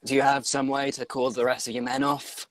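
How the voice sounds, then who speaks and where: A man's voice: mid-range voice, level tone, brisk, fairly bright tone, no room sound, natural voice, poor audio. A man playing a stern, commanding male orc war chief in a tabletop game, speaking in his own everyday voice.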